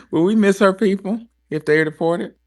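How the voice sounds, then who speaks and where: A man from Alabama, hosting a casual talk show in a blunt, animated manner. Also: high-pitched. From Alabama, USA. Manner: animated and blunt, with frequent restarts and swearing. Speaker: host.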